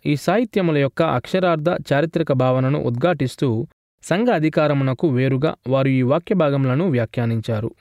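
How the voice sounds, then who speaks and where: A man giving a scripted theology lecture in a measured, formal reading style. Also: fairly high pitch, a little mellow, no room sound, studio quality.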